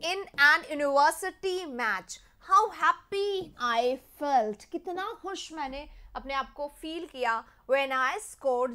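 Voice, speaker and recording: A young woman with an Indian English accent teaching English grammar in a live online class, mixing Hindi and English and reading example sentences slowly. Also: sits high, fairly bright tone. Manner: mixes Hindi and English, reads sentences slowly, quizzes viewers. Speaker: English teacher for competitive exams.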